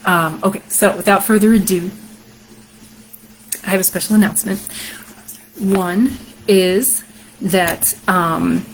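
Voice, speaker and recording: A woman host and storyteller with a deep, sultry voice, chatting casually on a live stream in a rambling way. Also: takes it slowly, long pauses, a little hiss or hum, poor audio. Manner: chatty and rambling, many fillers.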